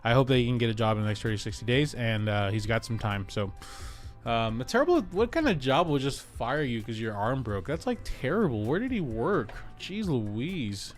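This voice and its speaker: A man's voice: medium pitch, very animated, moderate pace, soft background music. A man hosting a casual real estate livestream, joking and chatty as he reads viewer comments aloud.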